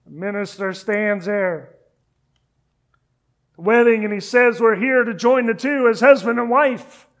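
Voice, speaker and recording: A man preaching a sermon as pastor, earnest, dropping to a hush on key phrases and adding conversational asides with gentle teasing. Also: sits high, unhurried, long pauses.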